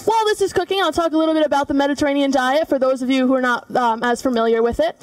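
A young woman with a high voice talks very fast as she gives a cooking demonstration in a large studio kitchen, walking through each step with plenty of fillers. She's a culinary student, and her voice is picked up from far off the mic.

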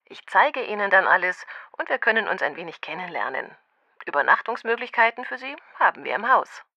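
A woman's voice: medium pitch, sing-song, a little fast, bright, forceful tone, no room sound, lo-fi sound, heavily acted. A woman playing a helpful, businesslike restaurant manager in a language-course dialogue, speaking courteously.

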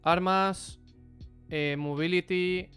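This young streamer from Spain, speaking with a Spanish accent, talks into a headset with blunt, informal commentary on a player's matches while answering chat. His high voice is fairly bright, clear and resonant, with fairly even intonation and drawn-out words, and faint music plays in the background.

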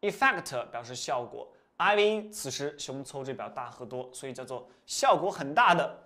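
A man teaching a vocabulary lesson in a lively, repetitive way. He pushes up in pitch and loudness to stress key points, then drops off quietly at the ends of phrases. His voice sits at an ordinary middle pitch. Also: moderate pace. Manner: lively, repetitive explaining with rising emphasis and trailing-off endings.

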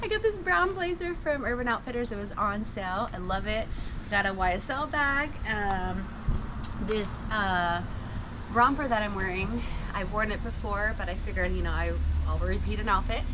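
A woman's voice: medium pitch, normal speed, noisy background. Young woman, vlogger, chatty and upbeat, car cabin at night, dash camera. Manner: chatty, upbeat, asks questions. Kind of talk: casual vlog chat. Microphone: camera on dashboard.

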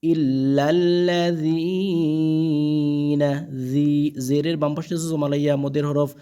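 A man teaching Quran reading, spelling out letters and vowel marks one by one. He stretches the recited words slowly and keeps checking that the learner follows. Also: fairly high pitch, darkish tone, dull audio. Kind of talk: spelling-out Quran lesson, call and repeat.

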